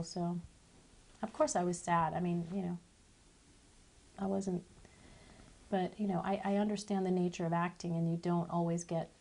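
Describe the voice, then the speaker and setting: A woman's voice: fairly low pitch, a little mellow. A middle-aged woman, a former child actress, chatting in an interview about her past roles with playful, self-deprecating asides. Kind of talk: reminiscing interview.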